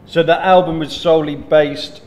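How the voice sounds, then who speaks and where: A man's voice: fairly high pitch, fairly even intonation, moderate pace, darkish tone. A man interviewing a guest, asking questions in a friendly, casual way. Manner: friendly, eating while talking. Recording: faint background noise.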